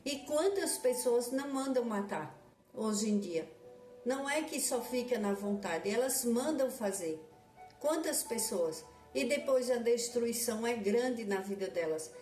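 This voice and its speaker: A woman preaching a devotional sermon in a slow, earnest, repetitive way, often restarting her phrases. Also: fairly high pitch, lively intonation, a little mellow. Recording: echoey room with faint music behind.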